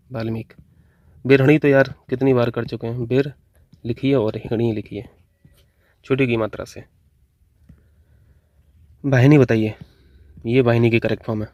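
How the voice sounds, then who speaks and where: A man teaching an exam-prep Hindi spelling lesson, going briskly from word to word and correcting each one. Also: medium pitch, darkish tone, no room sound. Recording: dull, dry lo-fi recording.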